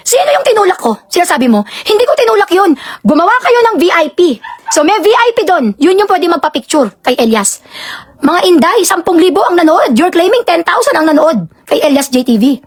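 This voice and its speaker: A woman from Canada holds forth in a heated live-stream rant, her voice pitched high above most women's. She races through her grievances at a fast clip, throwing in rhetorical questions again and again. She speaks into a phone or laptop at home. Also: sing-song. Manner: indignant, rapid-fire, peppered with rhetorical questions. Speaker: live-stream host and promoter. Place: home with barking dogs nearby.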